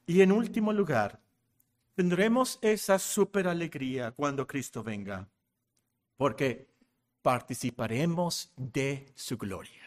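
A man preaching a sermon, emphatic, repeating key phrases and swinging from loud exclamations to hushed low tones. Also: animated. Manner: slows and stretches words for emphasis.

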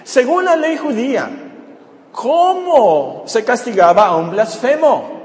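Animated male preacher in an echoey hall. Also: extremely high pitch, takes it slowly. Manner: animated, asks the congregation questions. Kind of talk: sermon. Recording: echoey hall with long reverb.

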